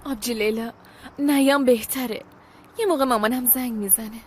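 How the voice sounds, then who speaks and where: An actress voicing a troubled young woman who answers quietly in short, guarded replies. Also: a little high, fairly even intonation, a little hiss or hum, natural voice. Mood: subdued. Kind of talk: TV drama dub.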